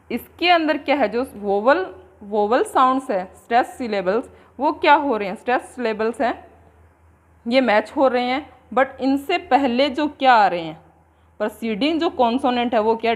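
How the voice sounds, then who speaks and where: A woman with an Indian accent giving a coaching-class lecture, explaining in Hindi and slowly dictating English definitions word by word. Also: on the high side. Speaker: English exam coaching teacher.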